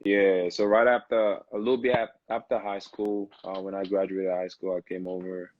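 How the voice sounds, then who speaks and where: A young man from Lagos, Nigeria, answering interview questions in a relaxed, easygoing way. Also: sits low, normal speed, dry recording, highs cut off. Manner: relaxed, easygoing, says bro often. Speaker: recording artist, guest. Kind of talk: casual interview.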